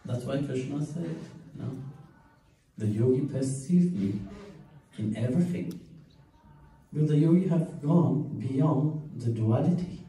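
A middle-aged man giving a spiritual discourse as a serene guru, in short phrases with long pauses. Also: medium pitch, mellow. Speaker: spiritual teacher. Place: large indoor temple hall, recorded from the audience. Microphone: distant camera among seated listeners. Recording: echoey hall, distant audience camera.

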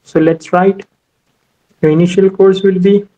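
Flat, mellow-voiced male navigation tutor. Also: high voice, measured pace, dull audio. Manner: steady explanatory tone, repeats "you know" and "so". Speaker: maritime navigation instructor. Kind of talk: screen-recorded whiteboard tutorial. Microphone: voice-over for a tablet screen recording.

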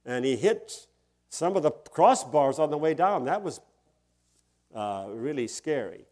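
A man's voice: a little high, sing-song, unhurried, a little mellow. Older male pastor, storytelling sermon. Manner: conversational, chuckles often, rising to emphatic bursts. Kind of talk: sermon with personal stories.

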